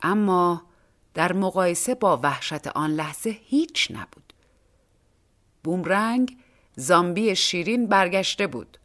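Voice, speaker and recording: A woman's voice: on the low side, animated, long pauses, a bit bright. A woman narrating a short story for an audiobook, reading expressively and acting out the dialogue.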